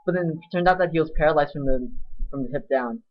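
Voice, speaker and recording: Teen, mid-pitched voice, rambling and filler-heavy, muffled lo-fi webcam recording. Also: quick pace. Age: late teens. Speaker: student co-hosting a webcam chat. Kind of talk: casual chat. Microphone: built-in webcam mic. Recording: lo-fi webcam audio.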